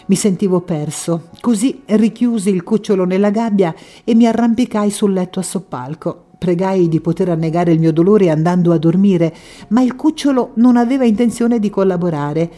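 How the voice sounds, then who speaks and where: A woman reading a first-person story as an audiobook, expressive and full of feeling. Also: mid-range voice, normal speed. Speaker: audiobook narrator.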